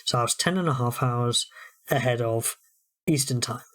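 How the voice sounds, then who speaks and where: A man's voice: medium pitch, normal speed, fairly bright tone. A British man co-hosting a podcast, chatting eagerly about football and telling stories. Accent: British English. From United Kingdom. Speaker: podcast co-host. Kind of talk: casual sports chat.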